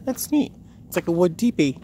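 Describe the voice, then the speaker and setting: Here a man's voice sits high, with a sing-song lilt, a dark tone and a slightly quick pace. He's a vlogger from Rhode Island in the United States, wandering a tourist site's grounds and small huts and thinking out loud wryly to the viewer. Outdoor background noise comes through on the handheld recording.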